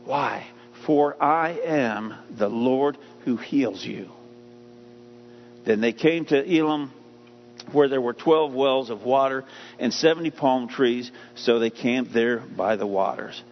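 Animated man preaching in a reverberant church. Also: medium pitch, slow pace. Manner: animated preaching, acts out voices of people and God. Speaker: pastor. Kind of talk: sermon. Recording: dull lo-fi sound with long reverb and faint noise.

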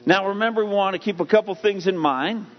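Animated man preaching in a reverberant church. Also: high-pitched, a little fast. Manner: animated preaching, acts out voices of people and God. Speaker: pastor. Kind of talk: sermon. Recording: dull lo-fi sound with long reverb and faint noise.

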